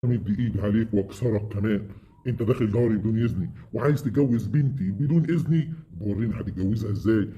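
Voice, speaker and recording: A man's voice: lowish voice, very fast, breathy edge. A man voicing a stubborn rural father who barks threats. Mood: angry. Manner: shouted threats, bullying. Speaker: father of the bride. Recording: dull lo-fi recording.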